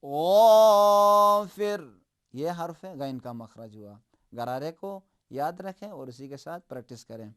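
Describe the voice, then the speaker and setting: A man teaching Quran pronunciation, explaining each letter calmly and then chanting example words in long, stretched-out tones. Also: mid-range voice. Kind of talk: tajweed lesson with drawn-out recited examples.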